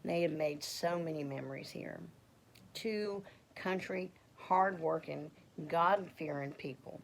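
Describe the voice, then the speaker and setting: Middle-aged woman, deep voice, tells a long heartfelt testimony, meandering and self-correcting. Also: a little slow, vocal fry, a little hiss or hum. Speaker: homeowner telling a faith story. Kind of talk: casual personal testimony.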